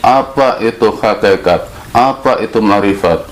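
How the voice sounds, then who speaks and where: A man from Java giving an earnest monologue, slow and deliberate with long pauses. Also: lowish voice, poor audio. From Java, Indonesia. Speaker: speaker.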